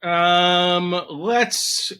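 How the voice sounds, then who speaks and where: A man's voice: high-pitched, drawn-out words, smooth. A man hosting a podcast in casual chat, joking and a bit stuffed up with a cold. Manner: joking, lively. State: stuffed up with covid. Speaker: podcast host.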